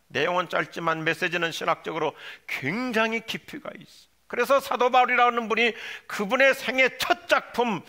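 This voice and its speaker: A male pastor delivers a sermon in a church. His voice sits high and carries a gravelly edge, and it has a bright, forceful ring. He sinks into low, quiet asides, then climbs to loud, pleading cries. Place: church sanctuary.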